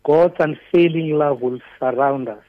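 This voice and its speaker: A man's voice: a little high, measured pace. A man, a native Zulu speaker with a Zulu South African accent, phones a religious radio show to share a devotional message. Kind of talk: devotional testimony. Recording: muffled phone line on radio.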